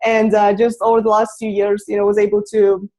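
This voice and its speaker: A woman's voice: mid-range voice, little pitch movement, brisk, a little mellow, low-quality recording. A woman in her twenties with a Russian accent, co-hosting a webinar in a chatty way with many fillers. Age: 20s. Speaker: co-host. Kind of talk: casual webinar introduction.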